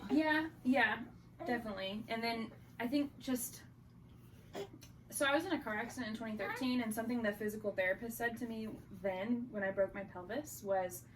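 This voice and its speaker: Young woman telling her story, far from the mic. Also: fairly high pitch. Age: young adult. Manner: candid, halting, with many likes and restarts. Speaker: guest. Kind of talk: personal story in casual podcast talk. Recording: distant mic with clear background noise.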